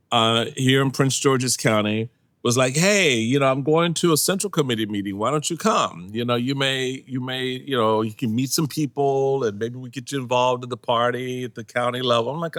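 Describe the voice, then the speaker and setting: A man in his sixties, a guest in a casual interview, telling lively stories and acting out what people said, laughing often. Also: medium pitch, moderate pace, dry recording. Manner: animated storyteller, acts out quotes, laughs often. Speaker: podcast guest, former party chairman.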